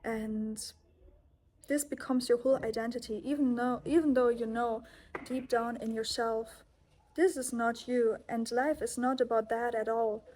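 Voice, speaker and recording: Earnest German-accented woman, fairly high voice. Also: a little mellow, a little hiss or hum. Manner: earnest, heartfelt, self-correcting. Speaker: yoga teacher and vlogger. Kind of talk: personal reflective monologue.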